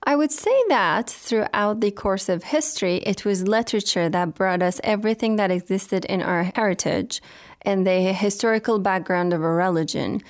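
A woman's voice: medium pitch, moderate pace. A woman presenting a scripted radio talk programme as host, speaking in a formal, earnest and courteous manner.

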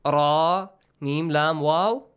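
Smooth-voiced recitation teacher, patient. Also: medium pitch, steady tone, a bit bright. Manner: checks in often with "okay?" and "right?"; slow, drawn-out demonstrations of pronunciation. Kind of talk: tajweed lesson to students.

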